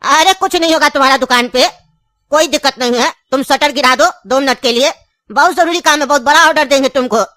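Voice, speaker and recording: Woman doing old cartoon grandfather, pushy and pleading, high voice, bright, dry close recording. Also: fairly quick, no room sound. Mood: coaxing. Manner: pleading, pushy, long-winded storytelling. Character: scheming old grandfather, insistent and wheedling.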